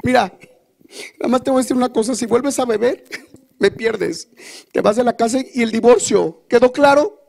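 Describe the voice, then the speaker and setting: A Mexican man voicing a furious wife who scolds her drunk husband in a high, shrill voice. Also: moderate pace, creaky, darkish tone, full character voice. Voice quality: high shrill put-on woman's voice.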